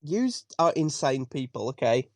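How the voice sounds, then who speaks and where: A man's voice: mid-range voice, sing-song, a little slow, darkish tone, no echo. A young man on a podcast panel, teasing and playful in casual chat. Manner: teasing, playful, mock-outraged.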